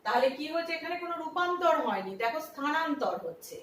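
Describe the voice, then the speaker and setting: A woman's voice: high voice, animated, fast, a bit bright. A woman teacher explaining a lesson step by step, asking questions and answering them herself. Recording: echoey room, from a distance, faint noise.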